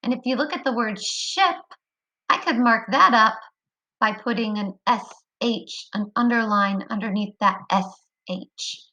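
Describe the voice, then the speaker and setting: A woman teaching a kindergarten phonics lesson online, speaking clearly and encouragingly to young children. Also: fairly high pitch, unhurried, sharp tone, rough recording.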